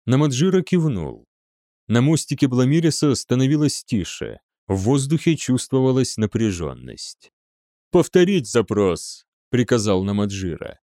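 A man's voice: mid-range voice, sing-song, normal speed, warm tone, dry recording, clean studio sound. A man narrating an audiobook in a dramatic storytelling manner. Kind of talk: scripted narration.

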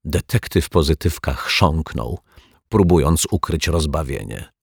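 Male narrator, deep and slightly husky, measured and playful for a kids' audiobook; close, dry mic. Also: animated, no echo. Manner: measured, gently playful storytelling. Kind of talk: scripted children's story narration.

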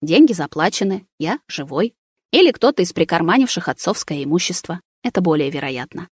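A woman voicing a tired, resigned young man in an audiobook, close to her own lowish voice. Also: big pitch swings, fairly quick, a little mellow, slightly rough, no room sound.

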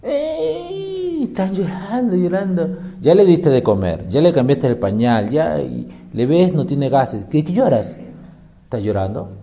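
A man's voice: medium pitch, very animated, normal speed, warm tone. A man preaching a sermon, emphatic, firing rhetorical questions and answering them himself.

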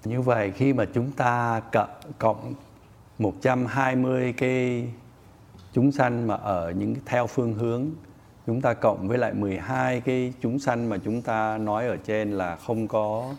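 A man teaching at a meditation retreat, giving a dharma talk in a slow, measured way, chanting Pali terms now and then. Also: mid-range voice, steady tone, gravelly, a little mellow. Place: meditation center.

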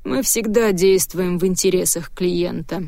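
A woman reading an audiobook, voicing a composed male detective who speaks slowly, levelly and dryly. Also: lowish voice, gravelly, warm tone, no room sound. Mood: calm. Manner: slow, level and dry.

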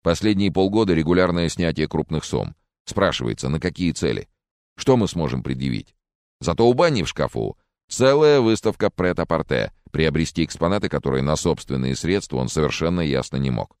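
A man's voice: extremely low pitch, animated, a little mellow, no room sound, clean studio sound. A man reading a cool calculating young man. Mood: cold, reasoning. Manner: measured, reasoning. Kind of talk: audiobook character reading.

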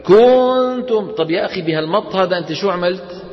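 A man teaching a tajweed lesson to a class, explaining and then demonstrating slow, drawn-out recitation. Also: sits high, fairly even intonation. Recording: dull echoey lecture hall recording.

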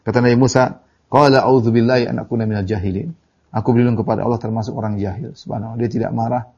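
A man teaching Quran commentary, reciting Arabic verses and then explaining them, emphatic and animated when he quotes others. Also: mid-range voice, fast, breathy edge. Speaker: Islamic religious teacher. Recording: dull lo-fi audio recording.

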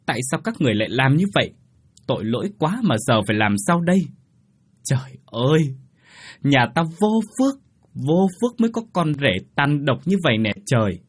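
A man voicing a distraught elderly mother-in-law, crying out in shrill laments. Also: sing-song, fairly quick, slightly rough. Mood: wailing.

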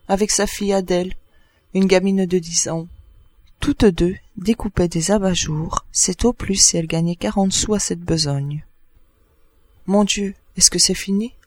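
A man reading a novel aloud as an audiobook narrator, in a measured storytelling manner. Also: sits high, no echo. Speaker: audiobook reader. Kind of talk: literary narration.

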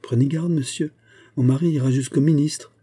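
A man's voice: medium pitch, steady tone, moderate pace, dark tone, husky, voice pushed up, lightly acted. A man doing a haughty outraged countess. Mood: haughty threatening. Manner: indignant, imperious outbursts. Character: haughty aristocratic countess caught shoplifting, indignant.

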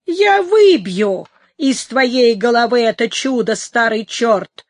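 A woman voicing a furious, menacing male thug who shouts threats in a read-aloud story. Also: a little high, lively intonation, slow pace, no room sound.

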